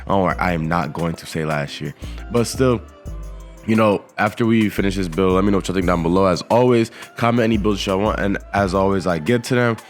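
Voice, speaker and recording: A man's voice: low-pitched, fairly quick, soft background music. Groggy, laid-back young man. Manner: laid-back, slangy, repeats "you know". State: groggy morning voice. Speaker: gaming YouTuber. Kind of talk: casual game build walkthrough.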